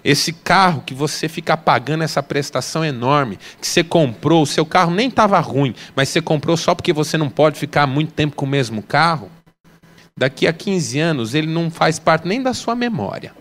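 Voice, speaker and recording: High-voiced Brazilian pastor preaching. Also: male voice, expressive, normal speed. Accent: Brazilian Portuguese. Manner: emphatic, swinging between loud exclamations and soft low asides. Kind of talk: radio sermon.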